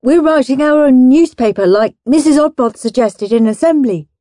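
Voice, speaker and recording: A woman's voice: sits high, moderate pace, warm tone, dry recording, studio quality, voice pushed up, close to an everyday voice. A woman voicing a neat, proud little schoolboy. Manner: proud, prim.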